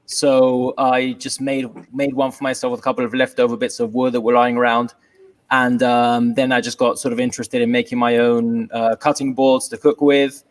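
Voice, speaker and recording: A man's voice: mid-range voice, moderate pace. Guy with a london accent on a video call, chill and kinda dry funny, lots of ums, spanish-born. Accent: British, London. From England. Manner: relaxed, hesitant with many ums, wry humor. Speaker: guest, furniture maker. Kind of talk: casual video-call interview.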